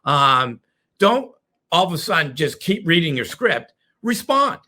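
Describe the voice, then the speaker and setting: A middle-aged man teaching a sales webinar, animated and playful, slipping into quick mock caller voices as he explains. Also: on the high side. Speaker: sales trainer.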